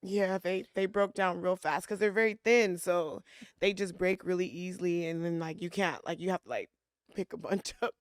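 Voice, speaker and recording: A woman co-hosting a podcast, reacting quickly with short interjections and laughing along. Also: on the low side, dry recording, studio quality. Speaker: podcast co-host. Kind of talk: casual comedic chat.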